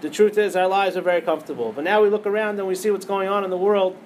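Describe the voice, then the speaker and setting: A man with a high-pitched voice teaches a Torah lesson, weaving Hebrew terms into plain English. He tells a parable and keeps asking his listeners questions. A faint hum sits under the recording. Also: quick pace, rough recording. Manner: storytelling with rhetorical questions, many Hebrew terms. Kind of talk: teaching a lesson on liturgical poems.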